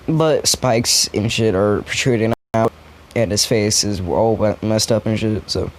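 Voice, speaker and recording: A man casually tells an improvised fan story, rambling with many self-corrections and fillers. His voice is fairly low and a little slow, and the home recording is noisy.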